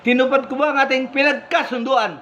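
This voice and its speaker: A man voicing a stern, fair-minded male vineyard owner who questions his workers firmly and deliberately. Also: extremely high pitch, fairly even intonation, pushed and bright. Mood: questioning. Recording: slightly muffled, faint background hum.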